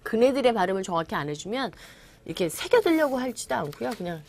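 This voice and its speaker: A woman English teacher giving a classroom-style lecture. She explains patiently and reads each English example slowly and deliberately. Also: fairly high pitch, big pitch swings. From Korea.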